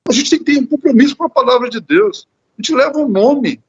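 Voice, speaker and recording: Earnest high-voiced Brazilian lay preacher. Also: male voice, animated, fairly quick, dull audio. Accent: Brazilian Portuguese. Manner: earnest, repeats words while searching, often adds "né?". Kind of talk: church Bible study talk. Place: church.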